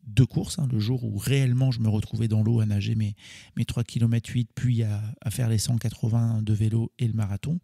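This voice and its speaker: Male podcast host, casual coaching talk, gravelly and warm, recorded dry and close. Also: fairly low pitch, flat delivery, brisk, dry recording. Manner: casual, explanatory, self-correcting with small laughs.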